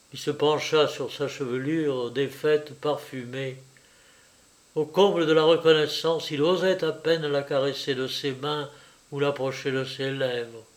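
A man narrating a classic novel in a calm, measured way. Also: fairly high pitch. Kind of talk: scripted audiobook narration.

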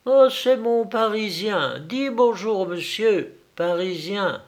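A humble young peasant mother played by a male reader, gentle and simple in her rustic speech. Her voice sits well above the reader's own, soft and kindly. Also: high-pitched, expressive, slow pace, pitched above the performer's own voice, exaggerated voice. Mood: friendly.

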